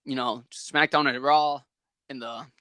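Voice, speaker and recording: A man's voice: mid-range voice, fairly even intonation, measured pace, bright, forceful tone, smooth, no room sound. A young man hosting a podcast over a video call, chatting casually and rambling animatedly with lots of "like" fillers. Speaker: podcast host. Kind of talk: casual chat.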